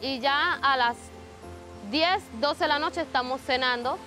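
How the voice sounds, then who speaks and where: A young woman with a Venezuelan accent talks plainly and with feeling, sometimes halting over her words. Her voice sits a little high, recorded outdoors under a covered shelter, with music playing under it. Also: bright, forceful tone. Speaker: migrant mother. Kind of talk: street interview.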